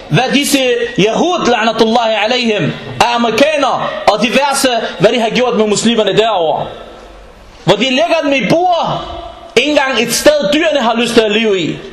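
A male preacher with a strikingly high voice delivers a religious lecture full of anecdotes. He tells them in an animated way and now and then raises his voice. The sound echoes around the room.

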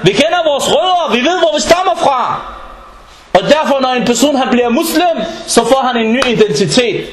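A man preaching a religious lecture, telling anecdotes in an animated way and at times raising his voice. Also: very high voice. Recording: echoey room.

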